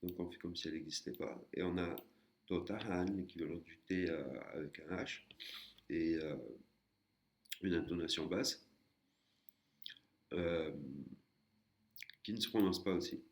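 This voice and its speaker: A man with a very low voice teaches a beginner language lesson at an unhurried pace. He explains patiently, step by step, pausing and hesitating often as he goes. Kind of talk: screen-recorded lesson.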